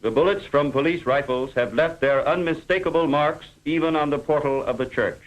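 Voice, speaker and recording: A man reading scripted narration for an old 1950s newsreel in a formal, measured delivery, on an old film soundtrack. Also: on the high side, poor audio.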